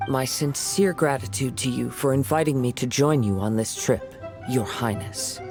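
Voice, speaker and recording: Man voicing a gentle, courteous young man. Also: medium pitch, moderate pace, close to an everyday voice. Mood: gentle, appreciative. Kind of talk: video game voice acting. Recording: clear music behind the voice.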